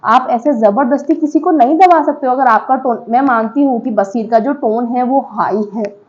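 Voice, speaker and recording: A woman's voice: high voice, normal speed, highs cut off. A woman giving casual, emphatic opinion commentary to viewers on a reality show, slipping in English words and checking in with her listeners.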